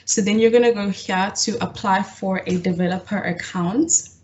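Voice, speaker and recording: A young woman facilitating an online coding workshop over a video call, often pausing with fillers and restarting her sentences. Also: medium pitch, fairly even intonation, darkish tone, highs cut off. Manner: hesitant, lots of fillers and restarts. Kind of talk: live online coding tutorial.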